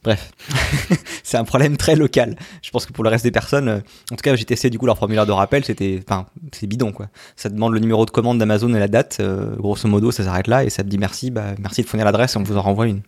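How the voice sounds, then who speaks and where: A man's voice: on the low side, steady tone, fast talker, darkish tone, no room sound. A man hosting a casual tech podcast, chatty and hesitant, with many fillers. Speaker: podcast host. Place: lives in Sweden.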